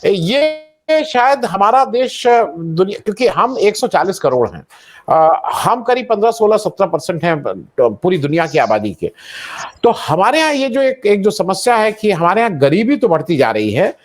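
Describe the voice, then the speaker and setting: A man, an author and panel guest, speaking in a measured, critical way with frequent hesitations. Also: high voice, big pitch swings. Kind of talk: panel discussion.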